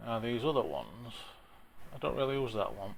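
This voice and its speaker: A man with a broad Yorkshire accent talking through an informal software tutorial in a plain-spoken, chatty way, with a gravelly voice. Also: mid-range voice, sing-song, moderate pace, slight background noise. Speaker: tutorial presenter.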